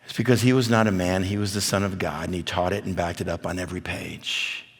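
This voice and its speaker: A man preaching at a men's event, telling stories and building from quiet to loud, emphatic points. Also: low-pitched, steady tone, fast talker, vocal fry, husky. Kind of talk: sermon. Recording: long hall reverb.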